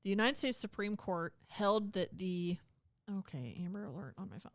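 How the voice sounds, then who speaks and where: A woman's voice: medium pitch, animated, normal speed, no room sound, studio quality. A woman co-hosting a podcast, chatting casually and retelling a legal case in plain words. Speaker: podcast co-host. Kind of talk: casual chat.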